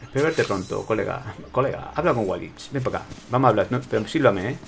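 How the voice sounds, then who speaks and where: Gravelly Spain-accented man commenting on a game. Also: on the low side, animated, fast talker, noisy background. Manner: chatty, talks to himself while playing. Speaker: gameplay commentator. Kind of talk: casual gameplay commentary.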